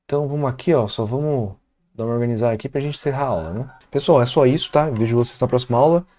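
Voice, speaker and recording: A man's voice: medium pitch, very fast, a little mellow. A Brazilian man with a Brazilian Portuguese accent, an English teacher explaining grammar rules in an exam-prep lesson and checking in with his students at almost every phrase. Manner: explanatory, peppers sentences with "tá?" and "né?".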